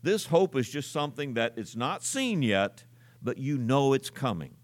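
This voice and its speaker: An older man gives a folksy, storytelling sermon, and his pitch moves a lot as he talks. The sound is dry and close, with almost no room echo. He often repeats key words to stress them. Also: very animated, normal speed. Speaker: preacher. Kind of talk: conversational sermon.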